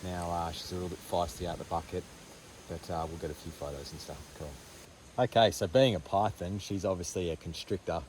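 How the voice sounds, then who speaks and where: A man's voice: deep voice, brisk, darkish tone, far from the mic, rough recording. An Australian man presenting a casual wildlife field vlog, enthusiastic and colloquial. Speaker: wildlife host. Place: outdoors in the bush. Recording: outdoor field recording with background noise.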